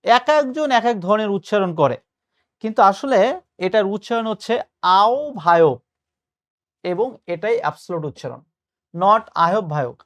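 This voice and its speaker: Man tutoring on pronunciation. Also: sits high. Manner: patient, explanatory, mixing English words. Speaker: admission test tutor. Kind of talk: casual spoken lesson.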